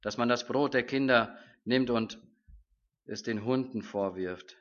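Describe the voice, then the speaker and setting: Casting: man reading a calm, authoritative male teacher from scripture, measured and even; muffled lo-fi sound. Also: medium pitch, lightly acted. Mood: solemn.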